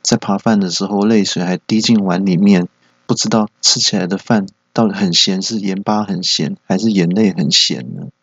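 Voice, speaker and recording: A man's voice: low voice, fairly even intonation, normal speed, a bit bright, breathy edge, dry recording. A man hosting a solo comedy podcast, telling playful stories. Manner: playful storytelling. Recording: dull, dry lo-fi home recording.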